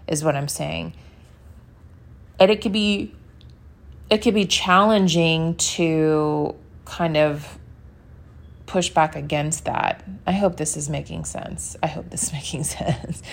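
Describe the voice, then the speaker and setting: A woman hosting a podcast, talking casually in a rambling, chatty way with lots of fillers, feeling sleepy. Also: low-pitched. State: sleepy, yawning. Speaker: podcast host. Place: New York.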